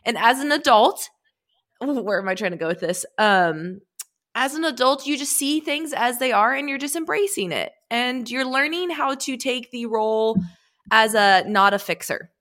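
A woman's voice: on the high side, lively intonation, moderate pace, a bit bright. A woman co-hosting a podcast in casual chat, laughing often and rambling as she loses her words. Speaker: podcast co-host.

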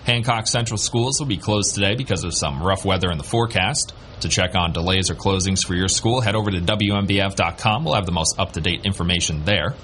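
A male local radio announcer reads a scripted bulletin in a low voice. There is faint noise behind him. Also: fairly quick, few pauses, fairly bright tone. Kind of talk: scripted traffic and weather bulletin.

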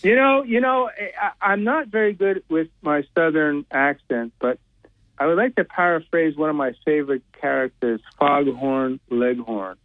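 A man's voice: on the high side, moderate pace, no room sound. A man calling in to a sports talk radio show, hesitant and full of fillers, heard over a tinny phone line. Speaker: caller.

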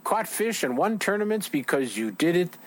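A man's voice: high-pitched, big pitch swings, normal speed. A man hosting an outdoors show, chatting casually with a guest at a trade show, rambling with lots of fillers.

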